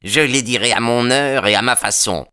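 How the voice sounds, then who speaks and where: A man's voice: medium pitch, normal speed, pushed and bright, clear, resonant tone, pitched above the performer's own voice, lightly acted. A man voicing a surly, jealous male gang member in an audiobook, speaking defiantly and with hostility. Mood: furious. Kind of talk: audiobook character reading.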